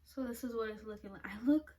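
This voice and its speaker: A woman's voice: a little high, fast talker, dark tone. A young woman doing a casual makeup vlog, blunt and self-mocking, swearing freely and laughing at herself. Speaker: beauty vlogger. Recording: somewhat distant mic with faint noise.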